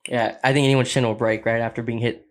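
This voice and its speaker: A man's voice: mid-range voice, little pitch movement, fast talker. A man with a mid-range voice co-hosting a sports podcast, blunt and sure of his views. He pushes his points hard in loose, casual talk. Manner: emphatic and opinionated, blunt. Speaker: podcast co-host.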